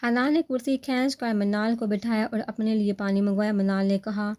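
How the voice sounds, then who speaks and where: A woman narrating a romantic story in a steady, even reading manner. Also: mid-range voice.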